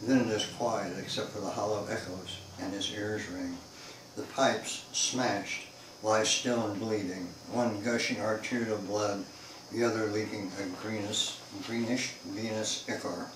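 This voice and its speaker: A man's voice: fairly low pitch, fairly even intonation, unhurried. A man reading his own novel aloud in a dramatic, shifting narrating style. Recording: echoey room, mic far off, faint hiss.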